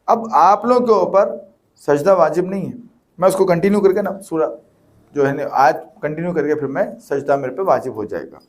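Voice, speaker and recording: Brief: cleric teaching rulings, man with a high-pitched voice, patient and repetitive, leans on examples. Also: animated. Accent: Urdu with Hyderabadi touch. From Hyderabad, Pakistan. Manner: explains with examples, repeats phrases. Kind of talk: religious lesson.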